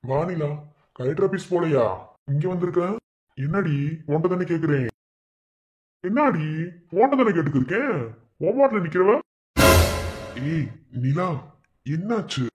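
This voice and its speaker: A man's voice: high-pitched, lively intonation, measured pace, long pauses, a little mellow, lo-fi sound. A man voicing a caring young village husband in a cartoon, speaking coaxingly in a Madurai Tamil accent. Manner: coaxing, calls her "di". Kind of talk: cartoon voice acting.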